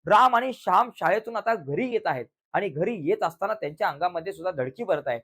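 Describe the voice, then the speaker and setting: A man with a Marathi accent, high-pitched and fast-talking, teaches an exam revision lesson. He first tells a story dramatically, complete with sound effects and cries, then calmly gives writing instructions.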